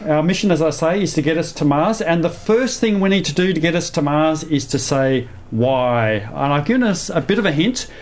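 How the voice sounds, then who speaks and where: Higher-pitched man hosting radio. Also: animated, fairly quick, hardly any pauses. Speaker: radio show host. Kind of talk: radio interview presenting.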